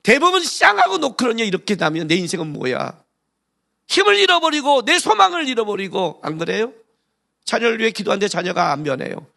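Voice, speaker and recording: Male pastor, sermon: high bright voice, very animated delivery, blunt and colloquial, keeps quizzing the congregation. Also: a little fast, gravelly. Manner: emphatic, rhetorical questions to the congregation. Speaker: senior pastor. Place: church service.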